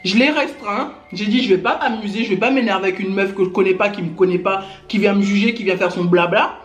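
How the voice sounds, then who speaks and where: A man's voice: high voice, fast. A male vlogger venting to camera, indignantly addressing a critic directly. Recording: roomy echo with faint music.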